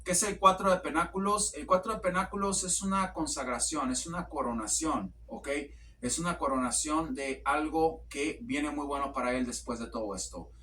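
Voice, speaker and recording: A man giving a casual tarot reading to camera. He speaks haltingly, repeats words while searching for the next one, and tacks "ok" onto nearly every phrase. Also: fairly high pitch, pushed and bright, distant mic, slight background noise. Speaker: tarot reader.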